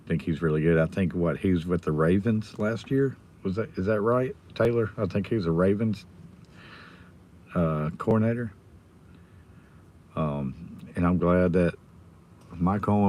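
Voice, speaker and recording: An American man with his voice nearly gone, chatting casually and quietly as a livestream host while sitting in a car. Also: low voice. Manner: subdued, holding the volume down. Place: inside a car in a school pickup line. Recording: noticeable background noise in a car.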